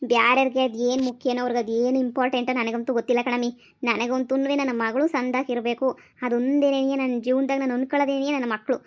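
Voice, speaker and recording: A woman's voice: high-pitched, flat delivery, fairly quick, close to an everyday voice. A woman playing a doting village mother who soothes and reassures. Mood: comforting. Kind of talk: village comedy skit acting.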